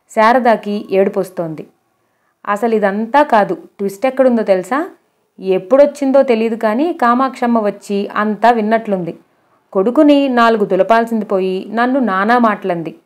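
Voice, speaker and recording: A woman's voice: fairly high pitch, moderate pace. A woman narrating a novel as an audiobook, reading steadily and giving the dialogue more life.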